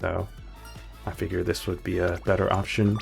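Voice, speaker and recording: A man's voice: sits low, little pitch movement, moderate pace, gravelly. A man streaming a video game, chatting casually and rambling through his choices with playful asides. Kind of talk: casual gameplay commentary. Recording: background game music.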